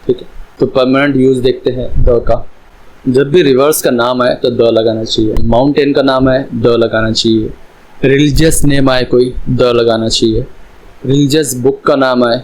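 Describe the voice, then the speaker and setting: Male grammar teacher, unhurried, patient, repeats examples, checks understanding. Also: medium pitch, a little mellow, low-quality recording. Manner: explains slowly, repeating examples and asking "है ना". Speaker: English teacher. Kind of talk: grammar lesson.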